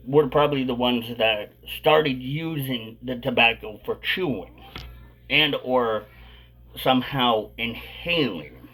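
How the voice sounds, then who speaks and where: A man's voice: medium pitch, slow pace, sharp tone, breathy edge, rough recording. A man hosting a casual vlog, talking with a dip of chewing tobacco tucked in his lip. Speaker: video host.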